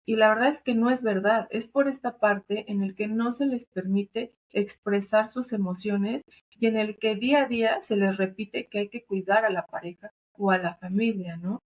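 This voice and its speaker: Woman, Mexican accent, interview guest, earnest explaining, frequent fillers, tag questions, medium pitch. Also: fairly even intonation, moderate pace. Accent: Mexican Spanish. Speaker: doula and thanatologist, podcast guest.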